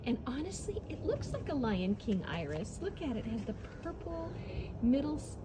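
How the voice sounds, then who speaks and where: A woman with a fairly high voice speaks casually and fondly, as someone who talks to her plants. She sounds enthusiastic as she shows her garden in a chatty vlog style. The outdoor recording has clear background noise. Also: very animated, moderate pace. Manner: enthusiastic, affectionate talk about and to her plants. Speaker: garden vlogger.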